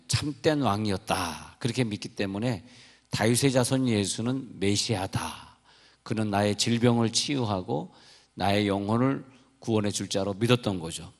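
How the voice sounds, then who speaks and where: Emphatic male pastor in an echoey church. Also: lowish voice. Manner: emphatic, swings from quiet to loud exhortation. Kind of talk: sermon. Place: church sanctuary. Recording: echoey church hall with long reverb.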